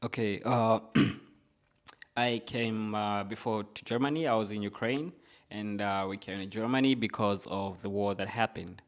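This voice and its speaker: A Zambian man with a Zambian accent, a podcast guest, tells his own story conversationally, dropping casual fillers like "you know." His voice is fairly low, with fairly even intonation and a measured pace.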